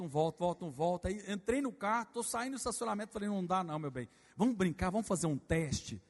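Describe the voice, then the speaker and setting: A Brazilian man, a pastor, preaching a sermon in a church, moving from quiet storytelling to loud, fervent exhortation. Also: fairly high pitch, big-room sound. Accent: Brazilian Portuguese. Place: church sanctuary.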